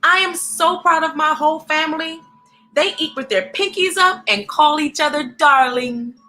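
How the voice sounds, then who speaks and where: A woman hosts a storybook read-aloud, speaking straight to children in an animated, encouraging and expressive way. Her voice sits high and moves at normal speed, with faint music in the background.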